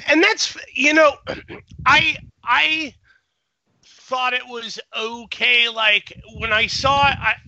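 A man's voice: extremely high pitch, fairly even intonation, slow pace, pushed and bright, no echo, highs cut off. A man hosting a casual podcast chat, rambling and restarting his sentences often. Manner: rambling, many restarts and repeated words. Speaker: podcast host.

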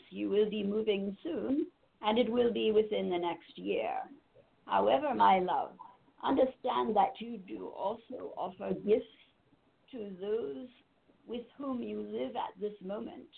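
A woman speaking as a channeled, benevolent spirit guide in the manner of a seance medium, with measured, formal phrasing, long pauses and tender endearments. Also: mid-range voice, creaky. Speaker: trance channeler and spiritual medium hosting a call-in show. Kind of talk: seance medium channeling, solemn spiritual address with live callers. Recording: muffled lo-fi audio with faint noise.

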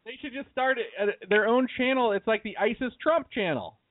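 A man with a very high, lively voice co-hosts an internet radio show, trading blunt, profane banter at a normal pace. His voice keeps breaking up over a glitchy, staticky Skype call, and the line sounds tinny and dry with no room sound.

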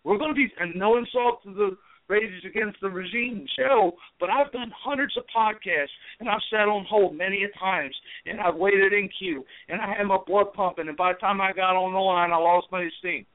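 A man's voice: high voice, moderate pace, dry recording. A man calling into a talk show, delivering a heated, profane political rant. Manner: profane, fired-up, repetitive. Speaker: call-in guest. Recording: tinny phone line.

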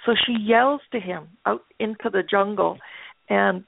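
Older woman guest artist, gravelly, chatty storyteller; tinny phone-line audio. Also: mid-range voice, unhurried, no echo. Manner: chatty, anecdotal, frequent fillers. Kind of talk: casual interview storytelling.

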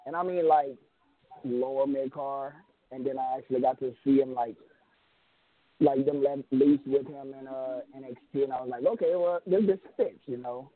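A man's voice: mid-range voice, husky, no room sound. Give me a man on a podcast call whose voice is muffled as if it comes through a wall. He rambles and restarts his phrases. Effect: muffled, as if heard through a wall. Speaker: podcast co-host. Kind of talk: casual chat over an online call. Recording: muffled, tinny online call line.

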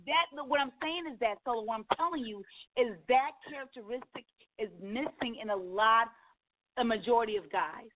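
A woman's voice: a little high, normal speed. A woman hosting a radio talk show, speaking candidly and casually, repeating points for emphasis. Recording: slightly dull lo-fi audio.

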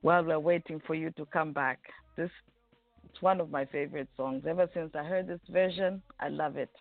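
Gravelly, higher-pitched man on a phone line. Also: steady tone, brisk, no room sound. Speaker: radio show co-host. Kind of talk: casual radio chat. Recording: tinny, narrow phone line.

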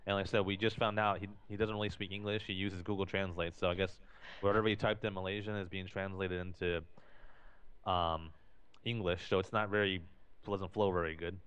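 A man's voice: sits low, flat delivery, a little fast, fairly bright tone, smooth. A man in casual podcast talk, explaining at length and often repeating and restarting his phrases. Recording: dull lo-fi recording.

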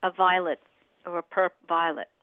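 A woman's voice: on the low side, steady tone, normal speed, slight background noise. A woman working as a psychic medium, talking casually and directly in short bursts as she gives live readings to callers. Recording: narrow band, phone-like audio.

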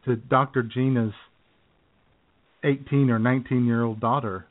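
A podcast co-host with a mid-range voice and fairly even intonation chats casually at an unhurried pace. He jokes, gets sarcastic and laughs often, and the recording sounds tinny, like a phone.

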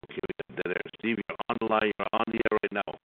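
A man's voice: fairly low pitch, steady tone, fast talker. A man hosting a casual call-in show, his voice coming through buzzy, glitchy, breaking-up phone audio. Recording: tinny, crackly conference phone line.

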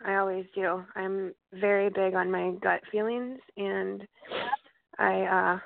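Radio caller: woman with a gravelly voice on a thin, dry phone line, soft and thankful. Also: mid-range voice, level tone, slow, no echo.

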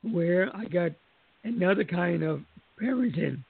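A man calling in to share a personal testimony, reflective, chuckling now and then as he recalls, his voice going hoarse. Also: high voice, lively intonation, a little slow, no echo. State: losing his voice. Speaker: caller. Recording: dry tinny phone line.

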